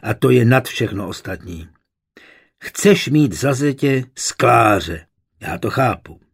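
A man voicing an outspoken, sharp-tongued middle-aged mother in a storybook reading. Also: on the low side, huge pitch swings, slightly rough, dry recording, clean studio sound, exaggerated voice. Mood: scolding.

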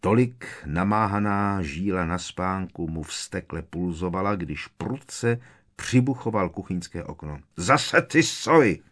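A man reading a story aloud as narrator, in a measured, dramatic way. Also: deep voice. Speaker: audiobook narrator. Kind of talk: scripted narration.

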